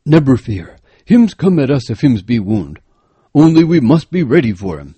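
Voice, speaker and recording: A man voicing a cautious male jungle guide who talks in loud, hushed, broken English. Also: medium pitch, sing-song, normal speed, slightly rough, no echo. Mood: urgent hushed.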